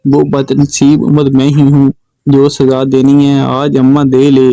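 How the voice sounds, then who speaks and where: Storybook: a remorseful, humble ruler begging forgiveness, voiced by a man, even and mellow, dry sound. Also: medium pitch, no room sound, natural voice, poor audio. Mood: pleading. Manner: pleading, humble. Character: remorseful humble male caliph in disguise.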